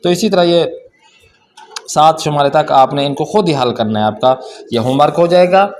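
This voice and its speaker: A man teaching a language class, explaining a workbook and reading example sentences slowly and carefully. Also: fairly high pitch, darkish tone.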